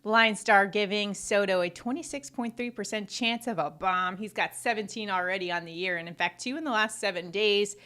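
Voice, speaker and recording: A woman's voice: mid-range voice, normal speed, few pauses, pushed and bright. A woman co-hosting a sports betting show, running through baseball stats and picks in an upbeat, stat-heavy delivery.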